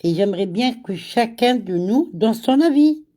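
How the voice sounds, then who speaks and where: A woman with a fairly high, expressive, warm voice hosts a casual live stream while she has a cold. Slow and prone to repeating words, she greets viewers by name and slips in Arabic greetings.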